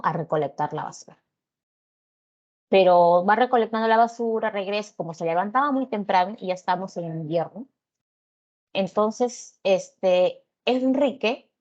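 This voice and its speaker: A woman's voice: medium pitch, a little mellow. A woman teacher with a Peruvian accent, retelling a story in class in a conversational way, often checking in with her listeners. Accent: Peruvian Spanish. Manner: conversational, frequent tag questions. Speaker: literature teacher. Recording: dull lo-fi class recording.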